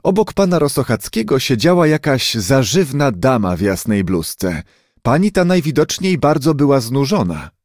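A man reading a children's storybook aloud, expressive and unhurried. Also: medium pitch, no echo, studio quality. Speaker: narrator.

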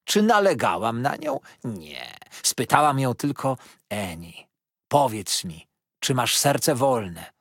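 Storybook old busybody mother-in-law, shrill and gushing, read by a man, husky, very swoopy. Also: very animated, slow, fairly bright tone, no echo, clean studio sound, exaggerated voice.

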